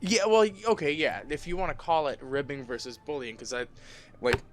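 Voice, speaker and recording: A man's voice: on the high side, big pitch swings, a little fast, music in the background. A young man co-hosting a casual podcast, telling rambling, profane stories. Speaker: podcast co-host. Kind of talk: casual chat.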